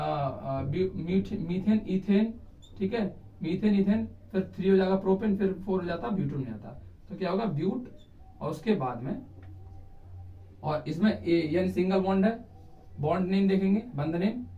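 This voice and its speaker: A man with a high voice teaches a chemistry lesson at a board, often pausing to ask his students whether they follow. He sounds far from the microphone in a roomy space, and the recording is dull and lo-fi. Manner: repeats checks like "clear?" and "theek hai", counting carbons aloud.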